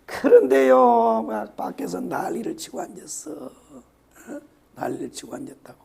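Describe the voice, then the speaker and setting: A hoarse pastor from South Korea's Yeosu-Suncheon area preaches in a gravelly, raspy voice. His pitch sits high with big swings, his pace is a little slow, and his tone a little mellow. He repeats phrases for emphasis and sometimes drops to a whisper.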